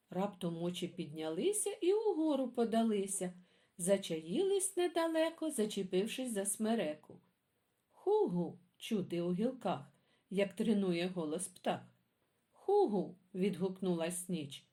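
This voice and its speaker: Бібліотекарка виразно читає дитячі віршики та розповідає про авторку. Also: female voice, mid-range voice, measured pace. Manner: expressive, storytelling. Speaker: librarian. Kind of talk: reading children's poems aloud.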